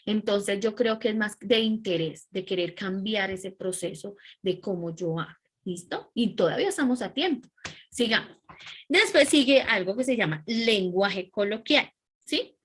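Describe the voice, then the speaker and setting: A woman teacher giving an animated class and often checking in with her students. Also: mid-range voice, moderate pace, breathy edge. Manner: animated, keeps checking in with "¿sí?" and "¿listo?". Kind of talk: online class lecture.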